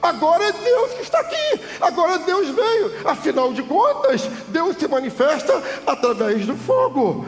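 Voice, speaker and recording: A male pastor with a Brazilian Portuguese accent preaching a sermon, swinging from loud cries to soft, hushed tones. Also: very high-pitched, huge pitch swings, a little slow, few pauses, a little hiss or hum. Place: church hall. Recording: church hall reverb with music behind.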